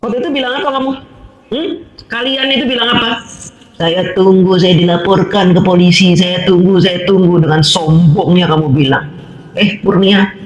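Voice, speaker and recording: A woman delivers an angry rant, scolding and mocking with one sharp question after another. Her voice rings in an echoey room. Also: medium pitch, lo-fi sound. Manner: scolding, mocking and confrontational, full of rhetorical questions. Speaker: housewife vlogger. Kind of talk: angry political rant to camera.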